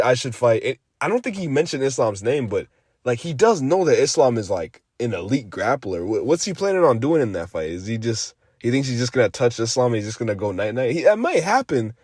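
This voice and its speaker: A young adult man giving a casual, rambling MMA recap, profane and animated with lots of fillers. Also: medium pitch, husky, no room sound, clean studio sound. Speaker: MMA commentator.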